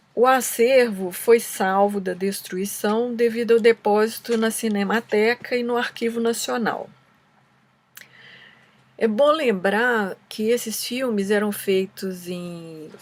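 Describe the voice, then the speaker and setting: A woman with a Brazilian Portuguese accent giving a scripted explanation as a presenter, reading in a measured way with occasional small stumbles. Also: mid-range voice. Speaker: presenter answering a film student's questions.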